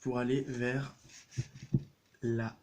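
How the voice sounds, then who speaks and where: A man doing a card reading, hesitant with many fillers and restarts, giving gentle, reassuring spiritual advice. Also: medium pitch, level tone, extremely slow, slight background noise. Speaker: tarot card reader. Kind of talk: casual card-reading video.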